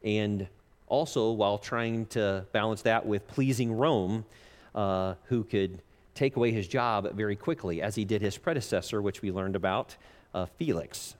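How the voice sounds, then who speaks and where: A man preaching a sermon at a pulpit microphone, earnest and halting with frequent filler pauses. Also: fairly low pitch. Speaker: pastor. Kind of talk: sermon with scripture reading.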